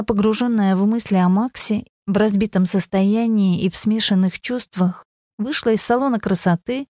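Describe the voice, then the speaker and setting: Woman audiobook narrator, mellow dark tone, dry close sound, measured. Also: mid-range voice, dry recording. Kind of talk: scripted narration.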